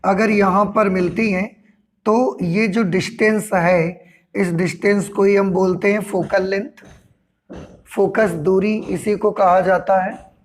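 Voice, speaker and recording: Slow, patient male physics teacher. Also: high-pitched, fairly even intonation. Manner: slow, repeats key points, explains step by step. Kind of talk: classroom lecture.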